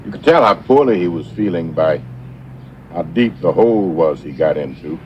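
An older actor playing a patient, wise grandfather in a film drama, counselling his grandson in a gentle, steady way. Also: deep voice, moderate pace, slight background noise. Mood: gently counselling. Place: outdoors by a porch.

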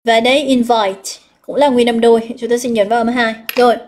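Female English teacher, Northern Vietnamese accent, slightly high voice; patient step-by-step explainer who reads out students' answers. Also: level tone, fast, a little mellow. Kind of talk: live online exam review lesson.

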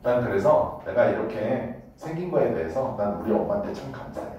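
A man teaching a high school English class in a blunt, joking way, swearing casually and often checking whether the students follow. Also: animated, fairly quick, warm tone, a little hiss or hum. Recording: echoey classroom from a distance.

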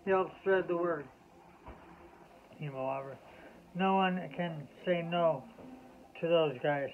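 A man reading a children's bedtime story aloud in a slow, measured way. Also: on the high side, slight background noise. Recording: tinny lo-fi phone-like audio.

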